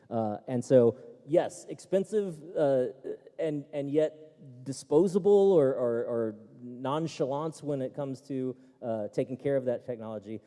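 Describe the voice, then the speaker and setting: A man's voice: a little high, warm tone. A man answering tech questions at a seminar, talking casually with many fillers and restarts. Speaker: tech expert panelist. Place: seminar hall. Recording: echoey hall.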